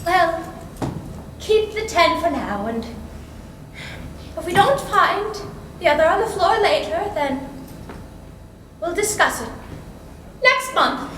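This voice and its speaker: A woman's voice: very high voice, very animated, slow, pauses often, fairly bright tone, slight background noise, full character voice. A woman playing a sneering stingy employer. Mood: mocking. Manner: condescending, sweetly mocking, laughs often. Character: stingy, mocking female employer of a governess. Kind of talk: stage play performance. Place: school stage before an audience. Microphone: distant room mic. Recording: echoey hall from far off.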